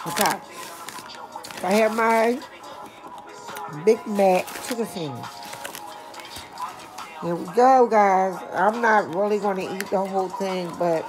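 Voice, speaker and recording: Chatty older woman reviewing food. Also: medium pitch. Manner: chatty, talks straight to viewers. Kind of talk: casual chat to camera.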